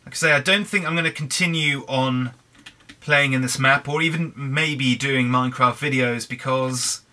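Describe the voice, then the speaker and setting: A young British man with a hoarse, croaky throat, chatting in a rambling way over a Minecraft let's play. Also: mid-range voice, moderate pace, bright, forceful tone. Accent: British English. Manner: rambling, chatty, frequent restarts. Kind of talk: casual gameplay commentary.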